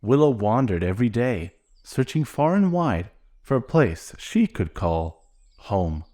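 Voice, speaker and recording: A man gently reading a children's storybook aloud in an expressive way. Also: medium pitch, a little slow. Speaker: narrator.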